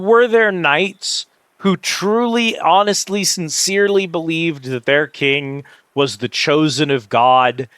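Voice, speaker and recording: A man hosts a casual gaming livestream in a mid-pitched voice. He talks in a rambling, reflective way, feeling for his words as he goes. The sound is close and dry, with no room around it. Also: pushed and bright, clean tone, no echo. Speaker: livestream host.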